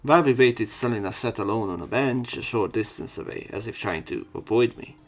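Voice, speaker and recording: With game music behind him, a man with a lowish voice reads visual novel text a little fast as a let's play narrator. His commentary is casual, irreverent, and sometimes sweary.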